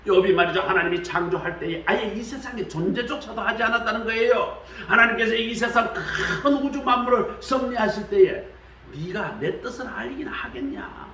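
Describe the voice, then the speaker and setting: A man preaching a sermon in a colloquial, animated way, acting out the voices he quotes. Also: fairly quick, hardly any pauses, roomy sound, distant mic, a little hiss or hum, rough recording. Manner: animated, acts out quoted voices with shifts of pitch; colloquial, repeats "말이죠". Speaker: pastor. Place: church sanctuary.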